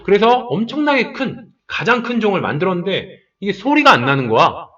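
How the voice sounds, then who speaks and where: Animated male history lecturer, lo-fi. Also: sits high, distant mic. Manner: lively and explanatory, acting out quick imagined dialogue. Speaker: history teacher. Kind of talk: exam-prep lecture.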